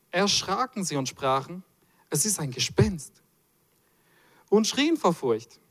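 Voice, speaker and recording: A man preaching, his voice sitting high and swooping up and down as he talks. He reads scripture and breaks into playful asides to the congregation. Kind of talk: lively sermon with Bible reading.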